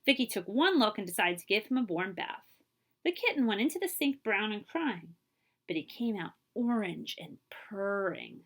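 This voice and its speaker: A librarian reads a children's picture book aloud in a medium-pitched voice. Her delivery is expressive and emphatic, with dramatic pauses.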